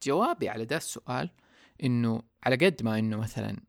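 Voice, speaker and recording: A man talks quickly through a solo podcast episode, thinking out loud in a relaxed, reflective way. His voice has a gravelly, fry-edged texture. The close mic leaves it dry, with no room sound. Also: medium pitch, no room sound. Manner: reflective, casual, mixes in English words. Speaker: podcast host.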